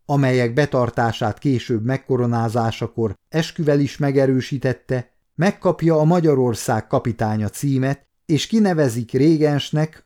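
A man in his fifties reading a historical novel aloud at a measured, even pace. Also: medium pitch. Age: 50s. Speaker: audiobook narrator. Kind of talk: audiobook narration.

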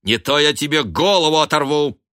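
A man's voice: fairly low pitch, very animated, slow, a bit bright, no room sound, studio quality, exaggerated voice. A man voicing a stern young adult daughter who firmly orders her father around. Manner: stern, commanding.

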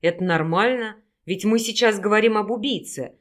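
A woman's voice: mid-range voice, normal speed, natural voice. A woman voicing a scornful, menacing male werewolf investigator who talks with contempt and often raises his voice.

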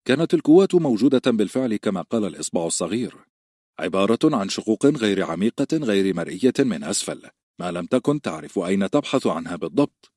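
A man narrates a fantasy novel in a steady, measured read. His voice sits low with a breathy, husky grain. The mic is close and the room is dead dry. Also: dry recording. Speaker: audiobook narrator. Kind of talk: scripted audiobook narration.

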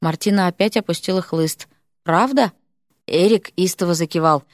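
A woman narrating an audiobook in a steady, playful storytelling manner. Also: lowish voice, fairly quick, no room sound, clean studio sound. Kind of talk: scripted narration.

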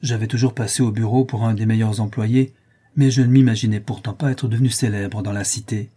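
A man calmly narrating a classic story as an audiobook reader, with measured storytelling. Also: lowish voice, slightly rough.

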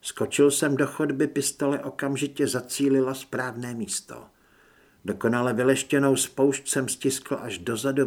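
A man reading a first-person action audiobook in a steady, measured way, with a husky voice. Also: medium pitch. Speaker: audiobook narrator.

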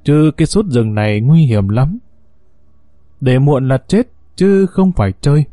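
Male storyteller, steady unhurried narration, mellow dark tone, dry close sound. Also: mid-range voice, no room sound.

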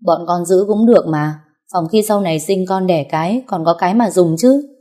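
A woman's voice: fairly low pitch, normal speed, warm tone, close to an everyday voice. A woman voicing a weary young husband who protests mildly to his mother in an audio story.

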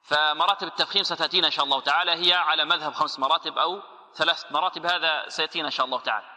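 A man teaches Quran recitation in a radio lesson. His voice is very bright and sits a little high. He asks questions, answers them himself, and stretches out example words, with long reverb around him. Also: steady tone, rapid-fire.

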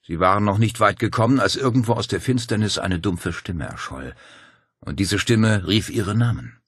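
A man narrating a novel as an audiobook, reading with lively storytelling. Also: fairly low pitch, moderate pace, breathy edge, no echo, clean studio sound.

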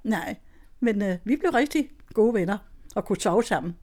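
A woman's voice: mid-range voice, animated, a little mellow. An older woman tells her own story in a loose, chatty way. She laughs often between her words and restarts her sentences again and again. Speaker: guest telling her story. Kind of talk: casual storytelling.

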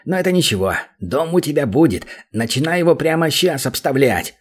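A man's voice: a little high, expressive, a little fast, slightly rough. A man voicing a small, rude male goblin guild master who whines and pleads, in an audiobook. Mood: whiny, pleading.

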